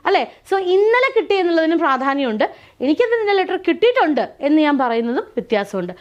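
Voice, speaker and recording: Woman teacher from kerala, high voice, walks through exam questions step by step, keeps asking the class. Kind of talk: exam-prep lesson.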